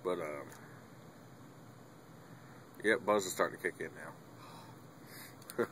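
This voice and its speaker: A man's voice: sits low, drawn-out words, a bit bright, slight background noise. A young man casually reviewing chewing tobacco with dip in his lip, rambling with lots of fillers and some swearing. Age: young adult. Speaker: product reviewer.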